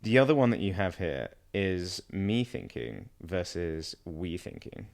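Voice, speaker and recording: A male podcast host with a very deep voice and a gravelly, creaky texture. He asks open questions and keeps agreeing with his guest. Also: expressive, unhurried. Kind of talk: conversational interview.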